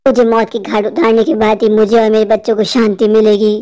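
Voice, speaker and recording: A woman voicing a vengeful, grieving female witch spirit in a cartoon, with slow, gloating threats. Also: fairly high pitch, level tone, warm tone, lightly acted. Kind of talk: cartoon voice acting.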